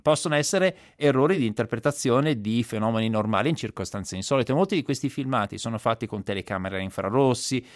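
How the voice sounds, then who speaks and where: A man's voice: medium pitch, fast talker, few pauses, no echo, clean studio sound. A man hosting a radio talk show, explaining things in a casual, ironic way and often breaking into laughter.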